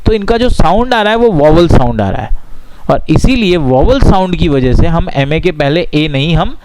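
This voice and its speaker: An Indian man teaching a grammar lesson, with a voice sitting a little higher than most men's. He explains patiently, asks himself questions and answers them, and slows right down on the rules. A faint hiss runs under his voice. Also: animated. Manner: reads English rules slowly and deliberately. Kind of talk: explanatory lesson mixing Hindi and English.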